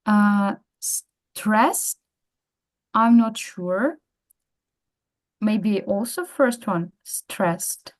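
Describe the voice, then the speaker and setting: A woman's voice: mid-range voice, very slow, pauses often. A woman with a Ukrainian accent answering a teacher's questions, tentative and hesitant. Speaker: student volunteer.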